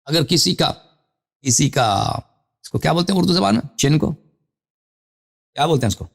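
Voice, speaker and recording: A man's voice: a little high, animated. Man lecturing from Arabic texts. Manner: reads Arabic citations, then explains them in Urdu with questions to the caller. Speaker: Shia cleric host of a live call-in show. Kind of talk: scholarly lecture reading Arabic sources.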